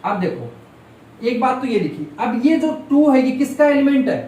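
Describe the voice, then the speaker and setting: A man's voice: very high-pitched, sing-song, moderate pace, warm tone. A man teaching a maths class, constantly quizzing students and repeating key terms for them to echo back. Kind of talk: classroom lesson with call-and-response questions. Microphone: distant room mic. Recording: echoey room, voice from far off, faint noise.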